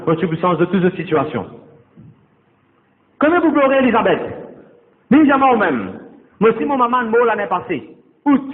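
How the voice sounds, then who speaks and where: A man pastor preaching a sermon, repeating his phrases and calling straight out to the congregation, with English words mixed into his speech. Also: high-pitched. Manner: repetitive, exhorting, addresses the congregation directly. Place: church. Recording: tinny, echoey church hall sound.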